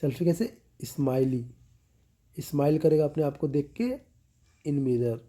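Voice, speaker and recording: A tutor preparing students for a medical exam teaches milestones with mnemonics in a fairly high, mellow voice. He checks in after each point and emphasizes key terms by slowing down and dropping his pitch.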